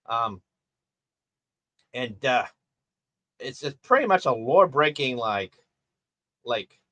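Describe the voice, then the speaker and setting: A man rants casually to the camera, rambling and circling back with plenty of ums and restarts. His voice is bright and forceful. The sound is dry and close. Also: medium pitch, animated, slow pace, dry recording. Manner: rambling, full of fillers and restarts, ranting. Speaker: vlogger reviewing a film. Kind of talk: casual rant.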